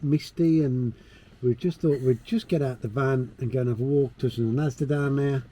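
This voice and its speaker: A man's voice: mid-range voice, steady tone, normal speed, dark tone, rough recording. A British man vlogging in casual, laid-back conversation with informal phrasing. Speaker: travel vlogger. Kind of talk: casual chat to camera. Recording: location sound with faint noise.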